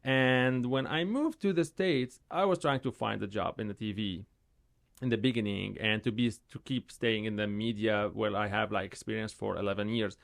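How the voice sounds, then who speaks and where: A real estate agent in his thirties, a native Arabic speaker, tells his story in a casual interview. His lowish, gravelly voice carries halting, repetitive English that turns animated once he gets into a story.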